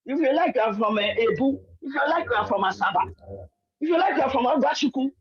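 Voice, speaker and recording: Through a dull, muffled phone line comes an older Nigerian woman, accented and insistent, who repeats herself and overrides the host in a fiery political call-in. She speaks fast in a high, expressive, slightly rough voice.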